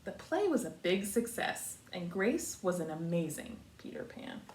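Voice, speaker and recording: Animated American woman teaching young children. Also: on the low side. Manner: simple, deliberate explanations with repeated phrasing. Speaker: kindergarten teacher. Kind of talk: read-aloud lesson for young children. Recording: roomy echo, distant mic, faint noise.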